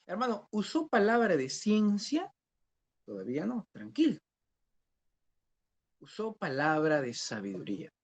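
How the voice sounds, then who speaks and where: A man's voice: high-pitched, huge pitch swings, unhurried, long pauses. A man teaching a discipleship Bible class who questions his students and repeats key phrases. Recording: dull lo-fi recording.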